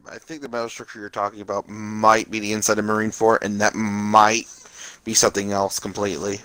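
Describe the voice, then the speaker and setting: A man's voice: fairly low pitch, little pitch movement, a little fast, a bit bright, clean tone, no echo. A man in casual chat during a video game, informal and questioning as he reacts to the play. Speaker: gamer playing online matches. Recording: music playing behind the voice. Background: music.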